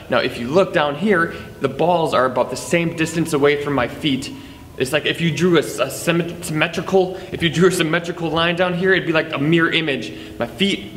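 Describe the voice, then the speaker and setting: A man's voice: a little high, fairly bright tone. A young man teaching juggling in a playful, joking way, talking straight to the viewer as he demonstrates. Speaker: juggling instructor. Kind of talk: instructional video. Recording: echoey room with long reverb, faint noise.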